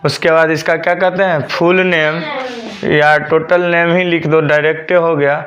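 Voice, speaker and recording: A man's voice: a little high, flat delivery, normal speed, a bit bright, lo-fi sound, soft background music. A male teacher, giving a classroom lesson and drilling students with repeated questions for them to answer back.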